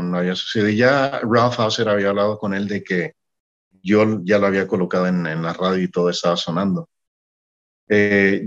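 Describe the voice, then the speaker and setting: Lo-fi sound captures a man with a voice on the low side: a Mexican music promoter being interviewed. He relates anecdotes from his career with animation, voicing the dialogue as he goes.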